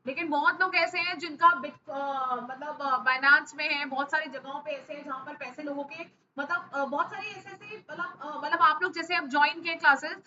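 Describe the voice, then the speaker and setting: A woman with a very high, bright voice teaches a stock market class over a video call, often pausing to check that her students are following. Her audio sounds slightly muffled, with a faint hiss behind it. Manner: keeps checking in with frequent "ok?" and hesitation fillers. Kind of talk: live online class, answering questions.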